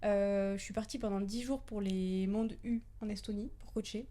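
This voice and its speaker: A woman's voice: medium pitch, steady tone, moderate pace, a crowd in the background. A young adult woman chatting casually on a podcast, speaking in loose, informal phrases with hesitations. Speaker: podcast guest, powerlifting coach and athlete.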